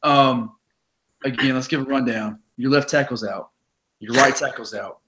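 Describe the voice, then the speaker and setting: A raspy young man hosts a casual sports podcast, his voice medium in pitch and his pace normal. He tells stories in an energetic, chatty way, packed with fillers, and there's background noise in the recording.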